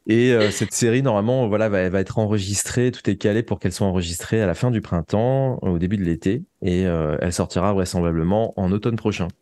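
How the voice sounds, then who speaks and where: With a fairly low, mellow voice, a man speaks fairly quickly and with few pauses, and there's no room sound. He's an interview guest who writes audio fiction, explaining things casually but often hesitating and repeating words as he reaches for the right phrase.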